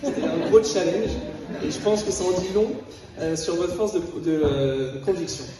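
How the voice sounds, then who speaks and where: A man giving a warm, slightly hesitant wedding speech, pausing for words. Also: on the high side. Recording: distant in a reverberant hall.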